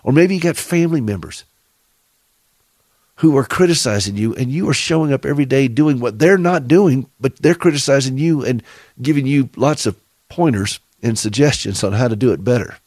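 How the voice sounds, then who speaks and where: A man's voice: medium pitch, normal speed, a little mellow, dry recording. A middle-aged man with a Southern accent hosting a radio show for caregivers, giving earnest, preacherly encouragement and asking listeners direct questions. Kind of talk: faith-based encouraging talk.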